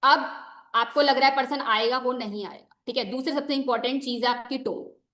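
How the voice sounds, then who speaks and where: Her high voice is steady, fairly quick and fairly bright, heard in an echoey room. She's a young network marketing trainer speaking into a worn microphone, giving a conversational motivational talk with English phrases mixed in and frequent "ठीक है" fillers.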